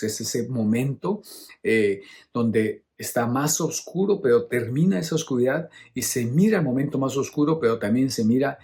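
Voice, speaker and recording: A man's voice: medium pitch, darkish tone. A middle-aged man, a priest preaching a homily on a Bible reading. He explains each point patiently and keeps checking in with his listeners. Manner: teacherly, often checks in with the listeners.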